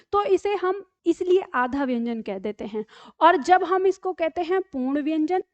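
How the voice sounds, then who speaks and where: A high-voiced woman teaching an online lesson. She explains patiently, step by step, and keeps checking that her students follow. The sound is dry and a little dull, with no room echo. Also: darkish tone. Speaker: Hindi teacher.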